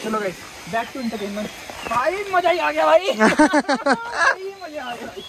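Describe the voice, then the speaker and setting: A young man hosting a travel vlog outdoors, talking excitedly and playfully to viewers. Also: very high voice, slow pace, crowd noise, low-quality recording. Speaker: travel vlogger. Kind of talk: casual outdoor vlog chat. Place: outdoors by a waterfall. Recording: outdoor waterfall noise.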